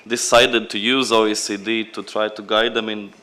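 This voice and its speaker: Lower-voiced man. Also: little pitch movement, normal speed, bright, forceful tone. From Latvia. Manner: loose, unscripted delivery. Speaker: program representative at a conference. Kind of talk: conference presentation.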